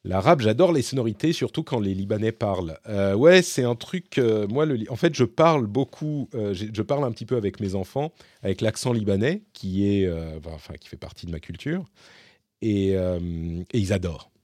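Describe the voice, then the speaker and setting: This male host talks at a moderate pace in a lowish, slightly mellow voice, meandering through a casual Q&A with frequent fillers and restarts. It's a dry recording with clean studio sound.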